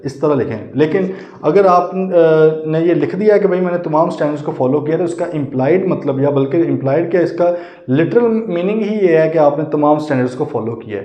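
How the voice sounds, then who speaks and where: Man lecturing on audit, slightly high voice. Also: mellow. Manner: explains by rephrasing and repeating points, asks "ठीक है". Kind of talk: recorded online lecture. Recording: dull lo-fi sound in a roomy space.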